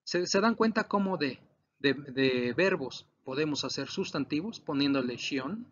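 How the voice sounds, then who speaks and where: A man's voice: fairly high pitch, animated, unhurried, a bit bright, slight background noise. A man with a Mexican Spanish accent teaching an English lesson, reading out English words one by one and giving each one's Spanish meaning. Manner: drills word pairs, switching between English and Spanish. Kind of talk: recorded classroom lesson. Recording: dull lo-fi recording.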